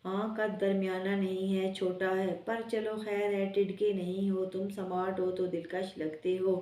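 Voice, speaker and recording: A woman's voice: medium pitch, little pitch movement, a little slow, warm tone, close to an everyday voice. A woman reading aloud the lines of an older male mentor, affectionate and lightly chiding. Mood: fond teasing. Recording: roomy, distant mic.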